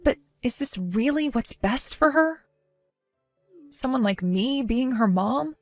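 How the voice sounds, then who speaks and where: A woman's voice: high-pitched, animated, slow pace, soft background music, exaggerated voice. A guilt-ridden, self-doubting mother. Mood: uncertain. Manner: tearful, self-reproaching, pleading.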